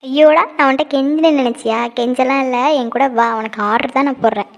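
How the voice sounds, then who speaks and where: A woman voicing a lovestruck, anxious young woman in a cartoon who hides her feelings and talks in a quick, chatty, defensive way. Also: high voice. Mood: lively. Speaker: cartoon character. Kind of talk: cartoon voice acting.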